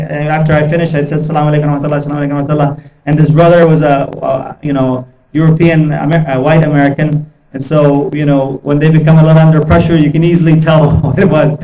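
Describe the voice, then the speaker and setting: A man giving a Friday sermon, telling stories in a slow, earnest way and weaving in Arabic phrases. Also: fairly high pitch, flat delivery, dark tone, highs cut off. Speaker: khatib, preacher. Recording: roomy hall, distant mic.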